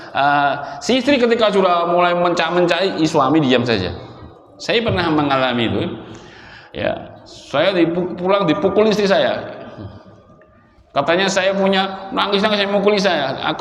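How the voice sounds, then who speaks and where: A man's voice: a little high, a little hiss or hum. A man with a Javanese accent, a religious teacher giving a conversational mosque study sermon, acting out bits of dialogue. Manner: conversational, mixes in Javanese phrases and acted dialogue. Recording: echoey mosque hall, faint background.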